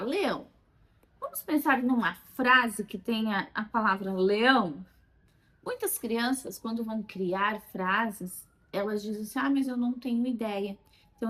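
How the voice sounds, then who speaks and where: Lively Brazilian woman explaining a game. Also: on the high side. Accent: Brazilian Portuguese. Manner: animated, talks as if to a child when modelling questions. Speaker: child development educator. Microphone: phone.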